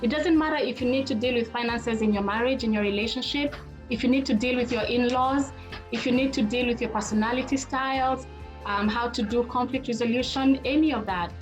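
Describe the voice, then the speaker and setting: Over music, a Kenyan marriage therapist in middle age hosts a webinar via video call, talking informally and directly to her listeners. Her voice is a little high and her delivery brisk.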